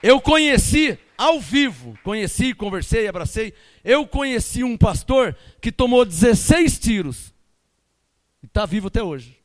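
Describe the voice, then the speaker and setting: Speaking a little slowly in a high-pitched voice, a Brazilian Portuguese–accented pastor delivers an animated, emphatic sermon that jumps from loud outbursts to quiet asides.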